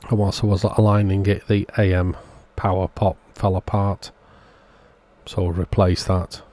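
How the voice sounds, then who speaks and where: A deep, dark voice with a level tone and measured pace narrates a hands-on repair step by step. The speaker hosts a radio repair channel, and his informal, matter-of-fact voice-over has a scripted quality.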